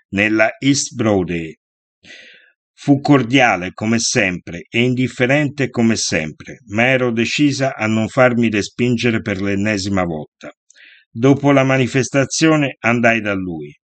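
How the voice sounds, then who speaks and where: A man reading a first-person novel aloud in a measured, unhurried way. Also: mid-range voice, no echo. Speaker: audiobook reader.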